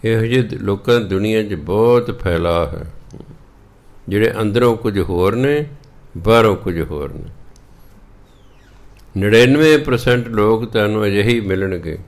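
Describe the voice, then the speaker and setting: Slow, low-voiced male preacher. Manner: chants verses slowly, then explains pronunciation and meaning patiently. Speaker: Sikh preacher giving scripture exposition. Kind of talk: slow sermon teaching scripture line by line.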